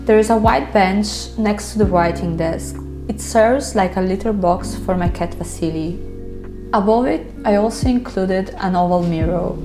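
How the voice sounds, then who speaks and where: A woman from Ukraine who grew up in Italy, speaking as she calmly explains her home as an interior decorator. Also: mid-range voice, normal speed, music in the background. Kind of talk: home tour narration.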